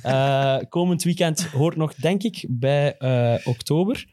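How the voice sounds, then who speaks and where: A man's voice: on the high side, slow, a little mellow. A man with a Flemish Belgian accent, presenting in a casual, unscripted football chat.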